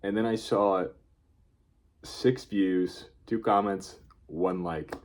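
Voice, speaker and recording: A man's voice: sits low, steady tone, takes it slowly, darkish tone. A man talking casually in an unscripted video diary, rambling and hesitant as he thinks aloud. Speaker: vlogger.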